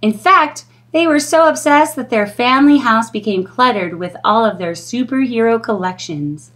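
A middle-aged woman reads a children's storybook aloud, telling it expressively. Her pitch is fairly high and her pace moderate.

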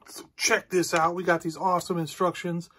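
A man's voice: sits high, little pitch movement, moderate pace, fairly bright tone, slight background noise. A man hosting a casual toy unboxing, rambling easily as he handles the pieces and talks through them. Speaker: toy reviewer and podcast host.

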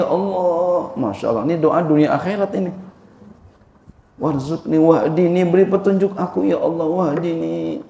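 A man's voice: a little high, gravelly, a little mellow, roomy sound, a little hiss or hum. A man giving an informal religious lesson, repeating phrases and addressing his listeners directly. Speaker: religious teacher.

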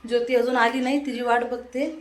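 A woman's voice: a little high, little pitch movement, fairly quick. A woman in her thirties, a mother narrating a casual family vlog, chatting to the camera as she goes about her day. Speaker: vlogger and mother. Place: home and school, indoors and out. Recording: busy room, loud background chatter and noise.

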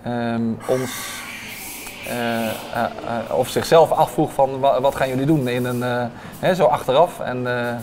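Unhurried and fairly even in intonation, a medium-pitched man in his thirties answers interview questions about his restaurant, hesitating frequently with filler sounds. He's on a lapel mic in a bright dining room with slight background noise.

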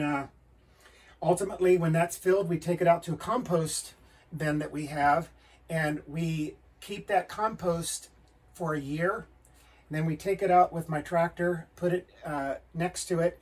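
Indoors in his tiny wood-paneled home, a man in his fifties with a fairly high voice shows it off in a plain, casual tour, saying um often. A camera several feet away records him, giving a roomy, slightly distant sound with faint hiss.

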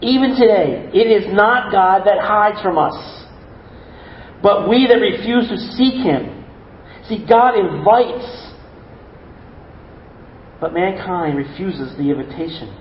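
A man's voice: high-pitched, expressive, slow, pauses often, reverberant, a little hiss or hum, low-quality recording. A male pastor preaching a sermon earnestly, often repeating words and asking rhetorical questions. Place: church.

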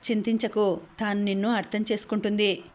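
A woman reading the lines of a gentle, comforting young man in an audiobook. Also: mid-range voice, level tone, a little fast, lightly acted.

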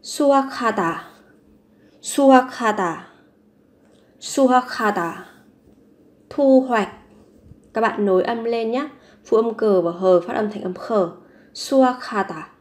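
A woman's voice: a little high, takes it slowly, long pauses, darkish tone. A woman teaching a vocabulary lesson, saying each word three times and then explaining it patiently. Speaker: language teacher. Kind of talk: vocabulary lesson, repeating words slowly.

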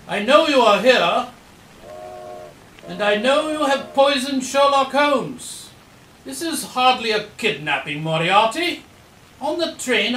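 A man playing an earnest, indignant gentleman doctor in an audio drama, speaking in a formal, grave, emphatic way. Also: very high voice, full character voice. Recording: roomy echo, faint background noise.

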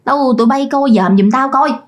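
A woman's voice: high-pitched, fairly quick, close to an everyday voice. Woman voicing a young man, grumbling, puzzled, ghost-story telling.

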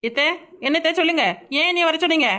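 A woman's voice: very high voice, fast talker, bright, forceful tone. A woman voicing a young daughter-in-law in a cartoon, complaining and talking back. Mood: grumbling.

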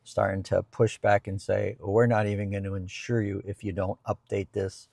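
Gravelly-voiced man chatting in a parked car. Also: on the low side, level tone, moderate pace, a little mellow, no room sound, clean studio sound. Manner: explains with frequent restarts and repeated words. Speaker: real estate agent and co-host. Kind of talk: casual Q&A chat. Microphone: lapel mic.

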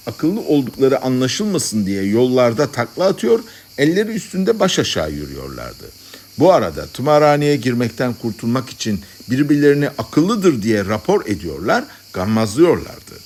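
A man narrating a satirical story as an audiobook reader, with an expressive, dramatic delivery. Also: mid-range voice, a little hiss or hum.

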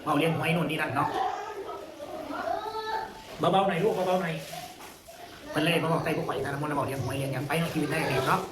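A man's voice: on the high side, fairly even intonation, fast, pauses often, far from the mic. A man with an Isan Thai accent who hosts a channel, chatting casually and laughing as he reads viewer comments aloud. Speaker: channel host reading comments. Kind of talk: casual chat. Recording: echoey room with loud background noise.

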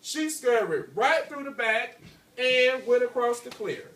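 A man in his thirties, teaching indoors at school, reads to his class in a very high, sing-song, slightly bright voice without hurrying. He often stops to ask questions and confirm they follow, tacking "okay" onto phrases. Recorded from a distance on a phone held across the room, the classroom audio is noisy and echoey.

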